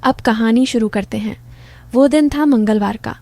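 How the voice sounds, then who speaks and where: A woman's voice: fairly high pitch, normal speed, warm tone, no echo. A middle-aged woman narrating a first-person story in a confiding, intimate manner.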